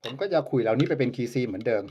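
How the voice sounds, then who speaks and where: Blunt Thai flute maker, lo-fi. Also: male voice, mid-range voice, expressive, rapid-fire, dark tone, slight background noise. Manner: polite but scornful of rivals. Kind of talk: casual demonstration vlog.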